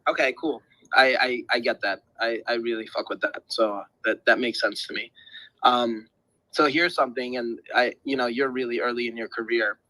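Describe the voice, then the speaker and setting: A man hosting a podcast interview, relaxed and chatty, often stumbling and repeating words. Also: medium pitch, normal speed, no room sound, low-quality recording. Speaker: podcast host. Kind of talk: casual interview chat.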